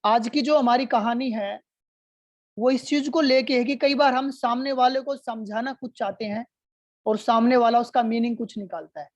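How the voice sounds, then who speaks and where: A woman's voice: fairly high pitch, fairly even intonation, moderate pace, dry recording. A woman telling short motivational stories in a friendly, conversational way. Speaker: motivational storyteller. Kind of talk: motivational storytelling.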